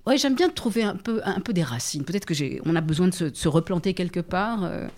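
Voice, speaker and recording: Slightly low-pitched and unhurried, this woman speaks as a radio music programmer in a relaxed panel discussion. She feels her way through each thought, stopping and restarting as she goes. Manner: halting, thoughtful, many restarts.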